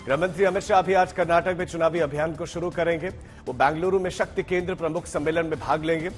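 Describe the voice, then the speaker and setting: A man's voice: on the high side, steady tone, fast. A man working as a news anchor, reading a scripted bulletin. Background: music bed.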